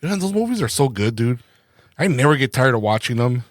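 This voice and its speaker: A man's voice: mid-range voice, big pitch swings, a little fast, no room sound, studio quality. A man co-hosting a podcast in casual chat, laid-back, dropping "dude" and "man" often. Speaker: podcast co-host.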